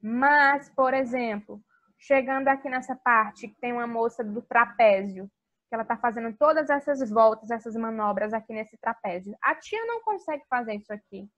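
A woman teaching English to young children in a video lesson, with a sing-song teacher manner and slowly spelled-out English words. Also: a little high, animated, a bit bright, dull audio. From Brazil. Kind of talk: recorded video lesson for kids.

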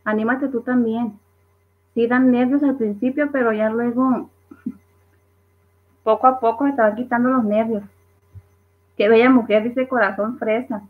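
A woman's voice: on the high side, fairly even intonation, measured pace, pauses often, soft background music. A woman hosting a casual livestream, reading viewers' comments aloud and laughing along. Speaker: livestream host. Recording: tinny phone-like livestream audio.

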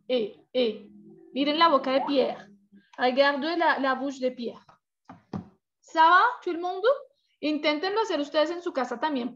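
High-voiced woman teaching French online. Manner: lively, switches between Spanish and French, repeats sounds slowly. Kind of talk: online class, explaining in Spanish and French. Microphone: video call. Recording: muffled lo-fi video call audio.

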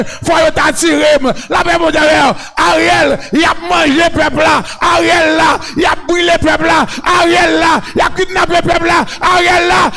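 A man with a Haitian accent preaching a shouted sermon, chanting and repeating a refrain over and over. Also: very high-pitched, gravelly. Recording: long echoing reverb.

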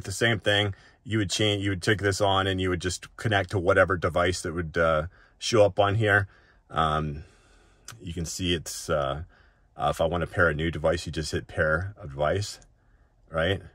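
A man walks viewers through a gadget in a casual, unscripted tutorial, chatting conversationally and often tagging sentences with "right?" to check in. His pitch is fairly low and his tone fairly bright, captured in a dry, clean studio recording.

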